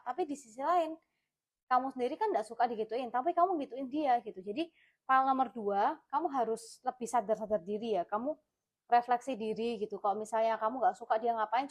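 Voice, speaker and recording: A woman with an Indonesian accent giving a casual tarot reading, chatty and repetitive, full of fillers. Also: on the high side. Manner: chatty, repeats herself, many fillers. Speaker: tarot reader.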